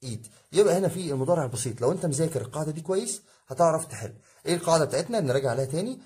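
An Egyptian-accented man teaches an exam review at breakneck speed. His voice is dark and warm, never sharp. He keeps asking the class questions and answering them himself, drilling each rule. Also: a little high, expressive, very fast. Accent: Egyptian Arabic. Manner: addresses students as guys, drilling rules. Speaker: English teacher.

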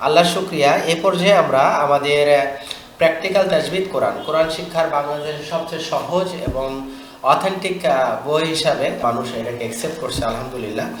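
A man's voice: a little high, a bit bright, echoey room, a little hiss or hum. A man teaching Quran pronunciation, repeating letter sounds for students to copy and mixing English words into his speech.

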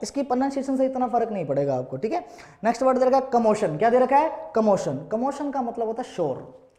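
A man's voice: very high voice, big pitch swings, fast, mellow. A man with an Indian accent teaching English vocabulary in an online lesson, asking the same question again and again and spelling words out letter by letter. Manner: drills words with repeated call-and-answer questions. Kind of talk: classroom-style online lesson.

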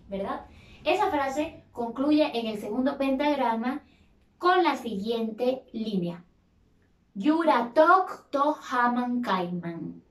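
Slow, patient woman choir teacher. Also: fairly high pitch, roomy sound. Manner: slow, patient explaining with sung demonstrations. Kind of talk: sung vocal lesson for children.

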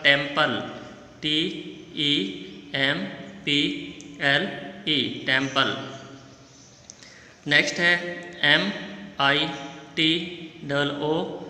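A man with an Indian Hindi-speaking accent teaches a children's English class, spelling each word out letter by letter. His voice is very bright and he talks slowly, pitched a little high. The sound rings in an echoey room with a long reverb tail. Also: steady tone. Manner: spells words letter by letter and repeats them slowly. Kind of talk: classroom lesson explaining English words in Hindi.

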